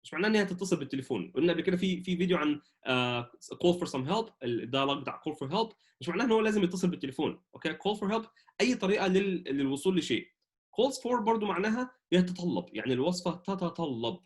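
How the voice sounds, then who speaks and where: A man with an Egyptian Arabic accent teaching an English lesson, repeating words slowly and pausing often. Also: high voice, lively intonation. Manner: slow drilled repetition of English words; many hesitations and restarts.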